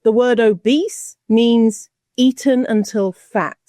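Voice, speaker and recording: A woman's voice: on the high side, takes it slowly, warm tone, no echo, clean studio sound. A woman speaking as a podcast guest in a casual discussion, blunt and emphatic, with a sarcastic edge.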